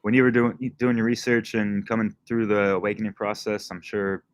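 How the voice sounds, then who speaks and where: A man's voice: fairly low pitch, little pitch movement, a little fast, clear, resonant tone. A man who is a guest DJ and podcaster, talking in a laid-back, slangy way and swearing freely. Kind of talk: casual livestream chat.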